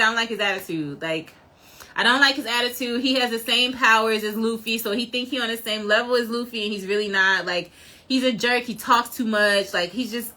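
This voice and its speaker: A woman chatting casually as a vlogger, rambling and animated and laughing often. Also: medium pitch. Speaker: vlogger reviewing a series. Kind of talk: casual chat.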